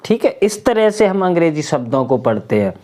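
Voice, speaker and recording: A woman's voice: sits low, sing-song, brisk, mellow. A woman teaching English pronunciation, spelling out each word letter by letter and then saying it twice. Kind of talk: slow, deliberate pronunciation lesson.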